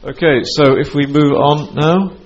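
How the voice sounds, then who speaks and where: A man chairing a conference session, brisk and procedural, with some fillers. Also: a little high, fairly even intonation. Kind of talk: chairing a meeting. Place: conference hall. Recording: dull conference-room recording.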